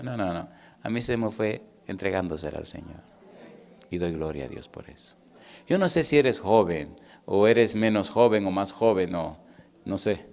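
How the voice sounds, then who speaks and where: A middle-aged man with a Caribbean Spanish accent, preaching a sermon as a pastor. He tells stories and swings from loud fervor to a hushed, intimate voice. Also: fairly low pitch.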